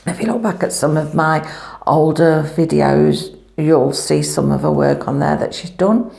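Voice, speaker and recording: In a casual family vlog, a woman talks unhurriedly and chattily, rambling along in a low, creaky, darkish voice. A clip-on microphone captures her, and the empty room at home makes everything echo.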